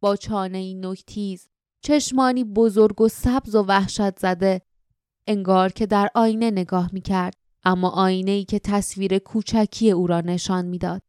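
A woman narrating an audiobook in a steady, literary storytelling manner. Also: medium pitch, clean tone, no echo, clean studio sound. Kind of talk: scripted narration.

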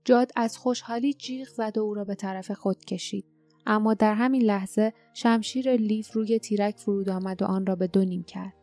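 Woman narrating an audiobook, mellow tone. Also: medium pitch, steady tone, soft background music.

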